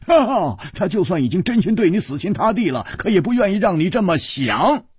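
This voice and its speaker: A man voicing a boisterous, hearty swordsman who talks loudly and keeps breaking into laughter. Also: big pitch swings, fairly quick, husky, dry recording, clean studio sound, heavily acted. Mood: gleeful. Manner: loud, booming, bursts of laughter.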